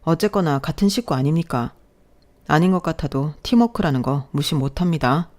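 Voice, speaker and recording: Woman voicing a calm young male surgeon, firm, authoritative, mellow tone. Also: deep voice, brisk.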